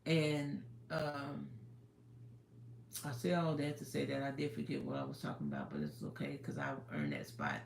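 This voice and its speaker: A woman's voice: low voice, expressive, moderate pace, vocal fry, reverberant, slight background noise. A woman in her fifties chatting casually on a livestream, rambling and giving life advice, talking into her phone. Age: 50s. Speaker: livestream host.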